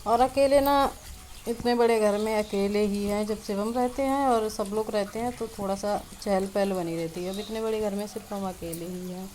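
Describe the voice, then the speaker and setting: A woman's voice: mid-range voice, fairly even intonation, moderate pace, dark tone, slight background noise, low-quality recording. A woman talking casually in a home vlog, rambling with many fillers. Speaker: village vlogger. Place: rural home, rain outside.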